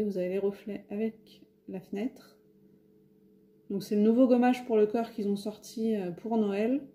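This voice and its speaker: A woman's voice: medium pitch, dark tone. A French woman casually showing her craft shopping haul, talking with many hesitations and fillers. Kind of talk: casual haul video talk. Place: home, near a window.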